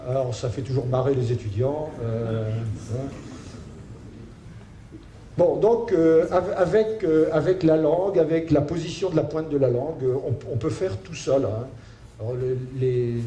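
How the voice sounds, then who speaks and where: A man giving a spoken lecture, halting, with many fillers and restarts. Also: fairly high pitch, dark tone. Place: lecture hall. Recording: roomy hall sound with faint ambient noise.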